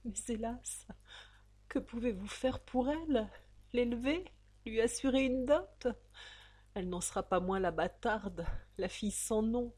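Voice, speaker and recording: A young unwed mother torn between love and conscience, pleading and crying out in high, anguished bursts, as a woman reader puts her on. The voice is husky and breathy. It is a melodramatic storybook reading. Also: a little slow, a little mellow. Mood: bitter.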